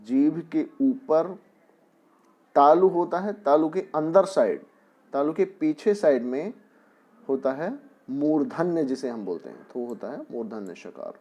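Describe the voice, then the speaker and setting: A man's voice: fairly high pitch, lively intonation, unhurried, darkish tone, highs cut off. A man teaching a Hindi spelling lesson to young pupils, patient and explaining step by step with repeated examples. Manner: often asks the class "है ना".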